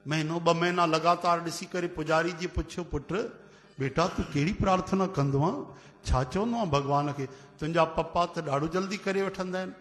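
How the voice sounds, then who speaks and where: A man with a somewhat high voice tells devotional stories to a gathering. He is animated and acts out the people in his tales, and his voice rings with a long hall reverb. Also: moderate pace. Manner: animated, acts out quoted voices, calls out chants. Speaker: religious storyteller. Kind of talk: devotional sermon storytelling.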